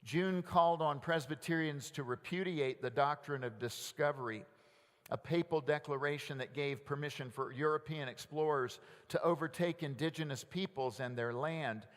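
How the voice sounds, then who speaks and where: A man preaching a sermon as pastor, asking rhetorical questions and leading the congregation in call-and-response, often dropping soft and low. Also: moderate pace. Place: large church sanctuary. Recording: long church reverb.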